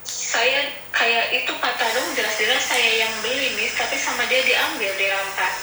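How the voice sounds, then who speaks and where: A woman's voice: a little high, normal speed, heavy reverb, distant mic, background noise. A woman caller telling her troubles, upset and pleading, with nervous laughs. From Indonesia. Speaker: caller, domestic worker. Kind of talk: call-in chat, telling her story.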